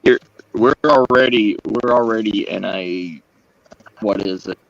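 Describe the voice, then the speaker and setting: A man calling in to a casual chat, talking haltingly and searching for words, his call audio breaking up from a weak signal. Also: on the low side, gravelly, no room sound, highs cut off. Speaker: guest caller.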